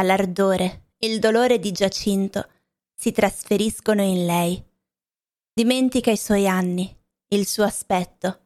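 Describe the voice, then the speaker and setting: Female audiobook reader for learners; unhurried, even and clearly spoken. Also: mid-range voice. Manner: measured, clearly enunciated reading. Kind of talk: slow narration for language learners.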